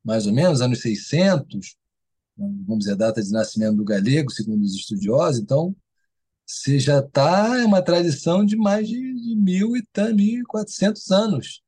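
A man's voice: on the high side, lively intonation, normal speed, mellow, slightly rough. A man speaking as an interview guest in a casual, enthusiastic, rambling way, with many restarts and casual swearing.

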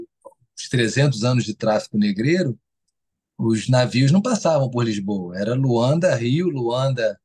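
A man's voice: medium pitch, darkish tone. A man speaking as an interview guest in a casual, enthusiastic, rambling way, with many restarts and casual swearing.

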